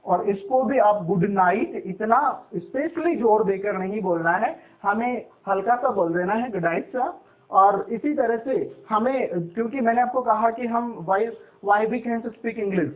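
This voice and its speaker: A man teaching spoken English as a lesson, explaining slowly and repeating himself with fillers. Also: sits high, rough recording. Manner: slow, repetitive explaining with fillers.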